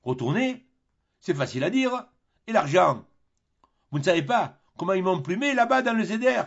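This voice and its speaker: A man voicing an excitable, indignant grown man who exclaims in outrage. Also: high-pitched, normal speed, lo-fi sound, voice pushed up, heavily acted.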